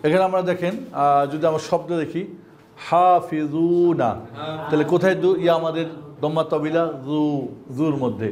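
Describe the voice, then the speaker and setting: A man's voice: on the high side, quick pace, a little mellow. A man with a Bangladeshi Bengali accent teaching Quran reading to a class of adults, chanting letter spellings in a sing-song drill.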